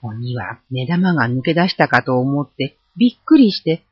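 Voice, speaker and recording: A storyteller reading a folk tale aloud with an expressive, varied delivery. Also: medium pitch, normal speed, husky, dry recording. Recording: dull lo-fi recording.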